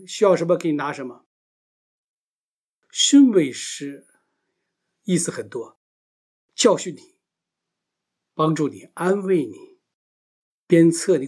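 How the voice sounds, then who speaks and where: A man's voice: on the high side, a little mellow. A man giving a Bible teaching lecture, explaining step by step and often asking and answering his own questions.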